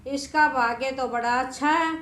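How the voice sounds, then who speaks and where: A woman's voice: high-pitched, moderate pace, fairly bright tone, reverberant. A woman voicing a stern male village schoolteacher who reads a girl's fate, speaking bluntly.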